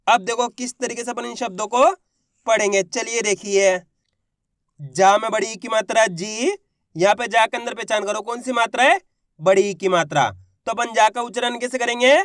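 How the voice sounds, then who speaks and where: A man teaching a beginners' reading lesson. He poses questions and answers them himself, sounding out syllables slowly and stretching the long vowels. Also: very high-pitched, fairly bright tone, no echo, studio quality. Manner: draws out long vowels when sounding out words. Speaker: Hindi teacher.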